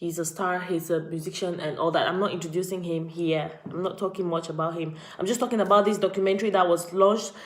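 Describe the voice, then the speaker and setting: A woman's voice: fairly low pitch, steady tone, quick pace, hardly any pauses. Chatty woman live-streaming in an echoey room. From Cameroon. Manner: chatty, talks straight to viewers and greets them by name. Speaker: vlogger. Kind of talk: casual live-stream commentary.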